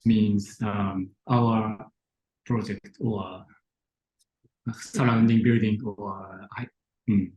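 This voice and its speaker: A man with a low voice speaks in short, halting sentences. His pitch stays flat. He is an architect answering questions about his practice. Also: rough recording. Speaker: architect, firm co-founder. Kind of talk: interview answers.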